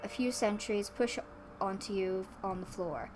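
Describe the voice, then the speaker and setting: Over music, a woman at medium pitch reads a visual novel at an unhurried pace. She's hosting a let's play, slipping informal asides in between the passages.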